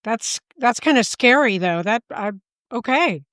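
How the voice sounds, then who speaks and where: A woman's voice: on the high side, expressive, a little slow, fairly bright tone, no room sound, studio quality. A woman hosting a podcast, asking questions in a loose conversational way with trailing fillers. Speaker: podcast host. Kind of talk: casual interview.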